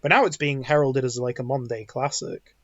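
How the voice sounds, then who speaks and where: A man's voice: mid-range voice, brisk, a bit bright, no room sound, lo-fi sound. A man co-hosting a podcast in casual chat, rambling and restarting his sentences often. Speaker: podcast co-host.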